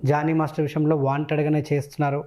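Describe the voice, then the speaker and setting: A male interviewer with a slightly raised voice and a brisk pace. He presses his guest with probing follow-up questions, keeping the conversation moving. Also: a little high, completely flat delivery, a little mellow.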